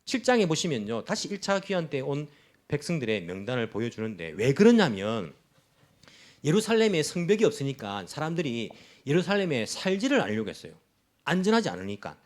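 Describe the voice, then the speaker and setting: A middle-aged male pastor delivers a Sunday sermon in a church, his voice rising and falling in wide, lively swings. He talks to the congregation directly, now and then slipping into scornful voices to act out people who mock the faithful. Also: on the high side, brisk. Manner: animated preaching, acts out mocking voices of opponents. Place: church in Tokyo.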